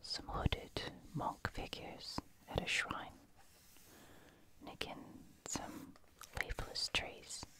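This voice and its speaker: An ASMR host in a croaky, soft unvoiced whisper, musing over paintings while paging through a book and reading passages aloud. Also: slow pace.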